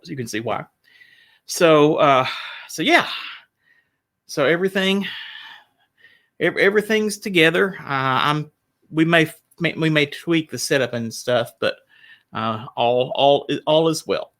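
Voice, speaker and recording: A man's voice: a little high, a little slow, pauses often, a bit bright. A pastor talking casually to his livestream Bible study from a small church room, rambling a little with restarts. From United States. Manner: chatty and rambling, with restarts and laughs.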